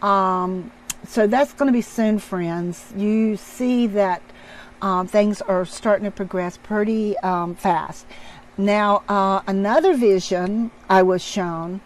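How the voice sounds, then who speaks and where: A woman hosting her own channel, earnestly describing spiritual visions in unscripted talk, pausing often with ums. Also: medium pitch, low-quality recording. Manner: earnest, hesitant, many ums. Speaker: spiritual video channel host.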